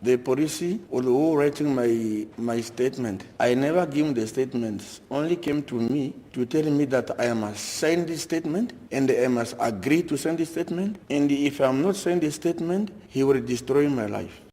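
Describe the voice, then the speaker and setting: A man working as a live court interpreter, speaking a witness's words in the first person with halting, slightly broken English in a courtroom. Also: medium pitch, dark tone. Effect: live interpreter voice, rendering a witness in the first person. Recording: reverberant courtroom audio, long echo.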